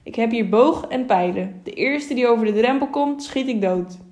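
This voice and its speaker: A woman's voice: medium pitch, fairly even intonation, normal speed, a little mellow, lightly acted. A woman reading the part of a stubborn, brave young man who speaks firmly and with a raised voice. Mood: defiant. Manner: firm, defiant, raised voice.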